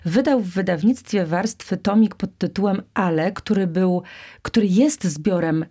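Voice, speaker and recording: A woman's voice: medium pitch, measured pace, mellow, breathy edge. A woman hosting a cultural radio interview, speaking thoughtfully and searching for her words. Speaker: radio host.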